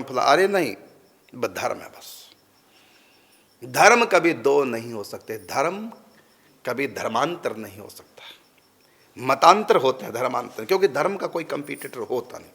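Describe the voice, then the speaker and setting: A man's voice: a little high, a bit bright. A man giving a religious discourse, answering a question and putting emphatic rhetorical questions to his listeners. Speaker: spiritual teacher.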